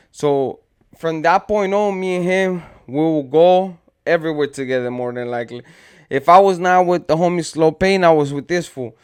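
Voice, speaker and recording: A man with a clear, resonant, slightly high voice tells a story from his own past. He talks in casual street slang and rambles from one detail to the next. He acts out what his friends said as he goes.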